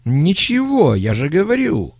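A jittery young thug, his voice pitched up and wavering, as a male narrator plays him. He blurts out boasts and excuses in a storybook reading. The sound is dry and close. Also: a little slow, no echo, heavily acted. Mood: nervous. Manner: high-pitched, excitable, stammering excuses.

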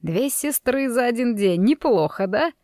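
A woman's voice: on the high side, animated, measured pace, mellow, no room sound. A woman voicing a cruel, mocking young male mobster who threatens and taunts in a sinister tone, read in a dry, close audiobook sound. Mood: menacing.

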